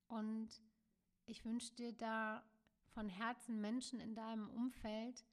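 A woman hosting her own podcast, talking alone in a gentle, searching way with many small fillers and soft, trailing phrases. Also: on the high side, flat delivery, slow pace. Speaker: podcast host. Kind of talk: reflective solo podcast monologue.

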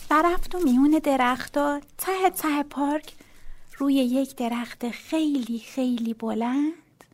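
A woman reading a children's storybook aloud in an expressive, lively storytelling manner. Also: sits high.

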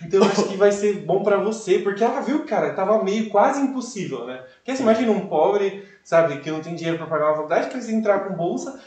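A young man tells his story as a podcast guest, animated and full of fillers. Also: sits high, fast talker, few pauses. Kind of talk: casual testimony storytelling. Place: live event room. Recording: echoey room, voice far from mic.

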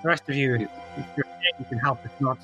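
A man's voice: medium pitch, fast talker, dull audio, over music. A man running a tabletop game over an online voice call, his audio garbled and glitchy from a lagging connection, talking casually with many fillers. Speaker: game master.

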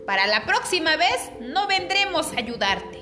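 A woman's voice: very high voice, sing-song, a little slow, voice pushed up, heavily acted. A woman voicing angry village farmers who scold a boy in a children's story. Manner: scolding, raised voice. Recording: echoey room with music behind.

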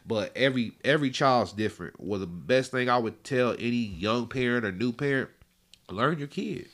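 A man's voice: medium pitch, lively intonation, moderate pace, fairly bright tone. A man in his late twenties, a guest in a casual podcast chat, talking in a laid-back, rambling way full of slang and fillers. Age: 20s.

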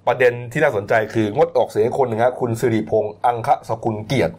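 A man hosting a political news talk show in a middle-pitched voice at a fast clip. He keeps things moving politely, summing up and handing over to his co-hosts. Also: fairly even intonation, darkish tone. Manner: brisk, polite, wrapping up with polite particles. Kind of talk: casual political news chat.

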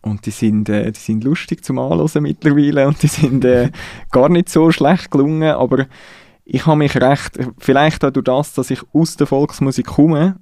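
Reflective and hesitant, the musician from Nidwalden, Switzerland, restarts sentences as he talks in a casual interview. He has a mid-range, dark-toned voice at a moderate pace, captured in studio quality without any room sound.

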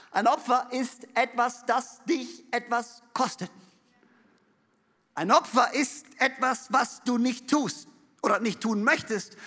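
High-voiced, bright emphatic male pastor. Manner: emphatic preaching, building to loud refrains; playful asides and laughs. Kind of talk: sermon.

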